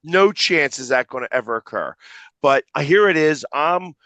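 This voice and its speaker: A man in his fifties from the Philadelphia area, a guest telling animated stories in a casual interview. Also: fairly high pitch, moderate pace, no echo, dull audio. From Philadelphia area, USA. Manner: animated anecdotal storyteller.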